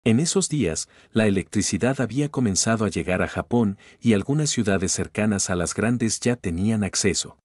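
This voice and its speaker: A man narrating an audio novel in a steady, measured reading. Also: fairly low pitch, husky, dry recording.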